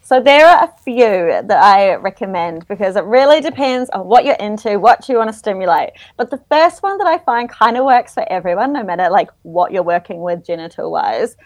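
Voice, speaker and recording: A woman's voice: medium pitch, expressive, brisk, few pauses, no echo. A woman speaking as a guest educator in a casual interview, playful and joking, recorded in a bedroom.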